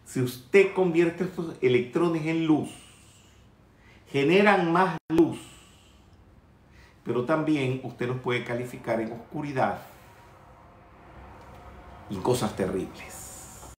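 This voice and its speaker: A man gives an unhurried spiritual lecture in a trained, projected voice that sits a little high for a man. He teases and scolds his listeners with humorous asides. The recording carries a roomy echo. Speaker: metaphysics teacher.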